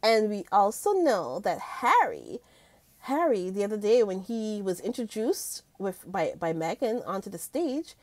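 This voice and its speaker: A woman's voice: mid-range voice, very animated, unhurried, no echo. A woman vlogger talking casually to her viewers, chatty and gushing, often calling them guys. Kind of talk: casual commentary chat.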